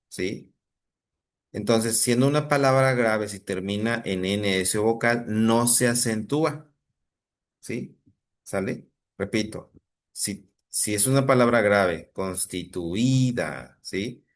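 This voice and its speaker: A man with a Mexican Spanish accent teaches a class over a video call, his voice sitting a little low. He explains patiently and keeps pausing to check that his students are following along. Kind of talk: online class lesson.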